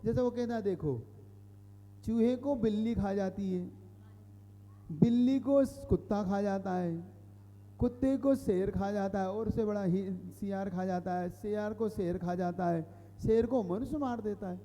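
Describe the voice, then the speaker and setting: High, mellow-voiced monk in an echoing hall. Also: male voice, a little slow. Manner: explanatory, repeats phrases and asks the audience questions. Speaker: Jain monk giving a discourse. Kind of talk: sermon. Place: hall with a live audience. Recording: hall reverb.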